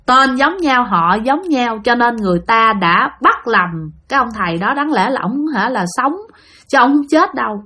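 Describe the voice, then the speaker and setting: A woman with a Southern Vietnamese accent tells a ghost story in a loose, chatty way, with a fairly high voice. She keeps speaking straight to her listeners and fills her sentences with small fillers. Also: bright, forceful tone. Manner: chatty, addresses listeners directly, frequent fillers. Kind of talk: casual spooky storytelling to listeners.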